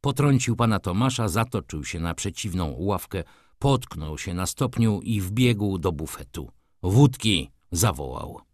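A man narrating an audiobook in an expressive, measured storytelling manner. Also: low voice, no echo, studio quality. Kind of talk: scripted narration.

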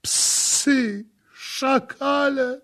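A man's voice: very high-pitched, fairly even intonation, very slow, vocal fry, fairly bright tone, voice pushed up, exaggerated voice. A man voicing a tormented male prisoner who screams and wails from an underground pit. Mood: agonized. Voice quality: raised strained cries. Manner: wailing, crying out in agony.

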